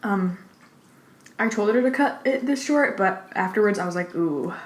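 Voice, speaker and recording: A woman hosting a mukbang, chatting informally with lots of "like", pausing to take bites and chew, slightly out of breath. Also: medium pitch. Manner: informal, peppered with "like". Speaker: mukbang host. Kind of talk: casual chat while eating. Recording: roomy, echoey indoor sound.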